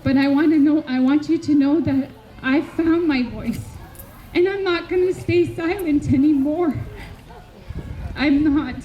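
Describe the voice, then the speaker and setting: High-voiced woman, slow earnest speech. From Canada. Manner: slow, earnest, with measured pauses between phrases. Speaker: speaker at a community memorial gathering. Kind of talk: heartfelt public address. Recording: dull lo-fi recording with faint background noise.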